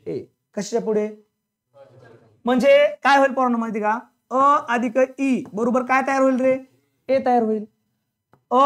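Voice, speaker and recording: A male teacher giving a classroom grammar lesson, drilling his students with repeated questions in a blunt, colloquial, sometimes scolding way. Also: high voice.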